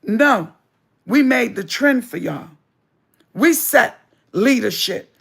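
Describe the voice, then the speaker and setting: A woman's voice: a little high, animated, takes it slowly, vocal fry, breathy edge. A woman, hosting a spiritual livestream monologue in an emphatic, preachy way and repeating lines for stress. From United States. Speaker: livestream host.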